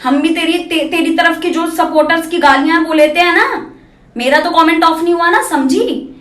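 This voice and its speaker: A woman's voice: extremely high pitch, normal speed, fairly bright tone. A young woman from Delhi, a vlogger, scolding and confronting someone in an angry reply to camera, slipping English phrases into her talk. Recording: roomy echo.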